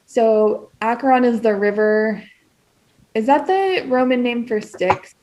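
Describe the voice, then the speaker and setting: A woman's voice: a little high, a little slow, a little mellow. A woman hosting a casual podcast, retelling an old poem in slangy paraphrase and reading passages aloud. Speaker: podcast host.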